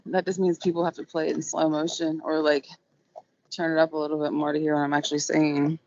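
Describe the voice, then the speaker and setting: Co-host, woman, mid-workout, phone held away from her mouth, gravelly edge, dull lo-fi sound. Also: low-pitched, little pitch movement, fast talker, a little mellow, a little hiss or hum. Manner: offhand, laughs at herself. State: talking while working out. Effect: phone held away from the mouth, distant and faint. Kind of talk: casual chat. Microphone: phone held at a distance. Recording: dull lo-fi phone audio, voice from far off.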